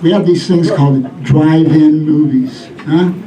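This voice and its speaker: Male stand-up comic, middle-aged, rambling storyteller with a higher voice, picked up from afar before a laughing crowd. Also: measured pace, mellow. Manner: rambling storyteller delivery, acting out bits. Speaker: stand-up comedian. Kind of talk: stand-up comedy routine. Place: live comedy venue with audience. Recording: echoey club room, distant mic, audience laughter.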